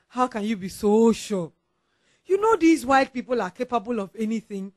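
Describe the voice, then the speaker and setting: A woman's voice: fairly high pitch, a little mellow. A woman with a Ghanaian English accent playing a sergeant's worried wife who pleads with him.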